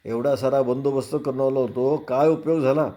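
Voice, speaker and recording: A man voicing a quick-tempered village police sub-inspector who barks orders and curses loudly. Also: medium pitch, steady tone, lightly acted. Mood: angry, bossy.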